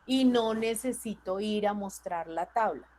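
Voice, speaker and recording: A woman's voice: medium pitch, unhurried, darkish tone, poor audio. A woman teacher, walking a class through charts in a patient, question-checking way over a computer mic. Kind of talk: online class explaining spreadsheet charts.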